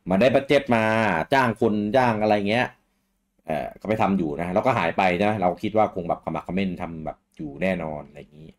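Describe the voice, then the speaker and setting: A man's voice: sits low, expressive, fast talker. A man in his thirties from Thailand, hosting a podcast in a rambling casual chat full of fillers and repeats. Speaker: podcast host.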